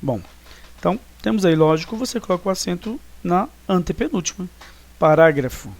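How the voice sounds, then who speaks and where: A man's voice: high-pitched, fairly quick, vocal fry, darkish tone. Brazilian man teaching a grammar lesson. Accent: Brazilian Portuguese. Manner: explanatory, frequent "né" and "tá" checks. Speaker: Portuguese teacher. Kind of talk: recorded online grammar lesson.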